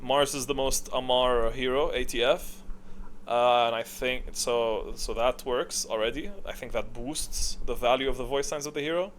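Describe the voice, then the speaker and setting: Ranking game characters off the cuff, this video creator speaks in a medium-pitched voice at a moderate pace. He rambles, thinks aloud, and corrects himself, and there's slight background noise.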